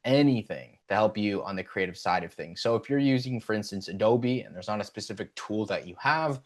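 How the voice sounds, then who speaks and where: A man hosting a casual software tutorial. He talks in a relaxed way and uses plenty of "um"s. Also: on the low side, fairly quick. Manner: relaxed, with frequent fillers. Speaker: tutorial host. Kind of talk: casual screen-recording tutorial.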